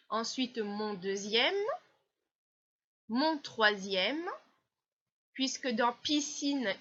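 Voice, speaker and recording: A woman from France teaches a class in a slow, patient voice, walking through each step. Her voice is bright and a little high. The recording sounds slightly dull and lo-fi. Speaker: primary school teacher. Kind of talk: classroom explanation.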